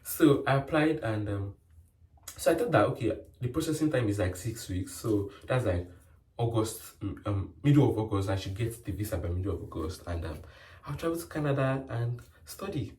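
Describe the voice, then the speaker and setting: A young Nigerian-accented man, a nurse vlogger, rambles through a casual vlog story packed with fillers. His voice is lowish, animated and darkish in tone at a moderate pace, captured with roomy sound from a distant mic.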